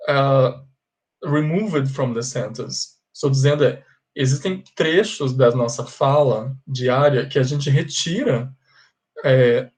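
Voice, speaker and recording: A Portuguese-speaking man explains English grammar to his class in a voice a little higher than usual. He moves freely between Portuguese and English and performs little example conversations. He slows down and takes care when he stresses key English words. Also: a little mellow. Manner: switches between Portuguese and English, acts out sample dialogues. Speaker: English teacher.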